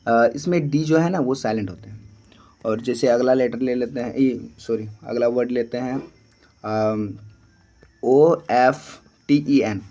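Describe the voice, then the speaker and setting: A man's voice: mid-range voice, unhurried, warm tone, dull audio. A young man giving a spoken English lesson, patiently repeating each point and answering his own questions. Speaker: teacher.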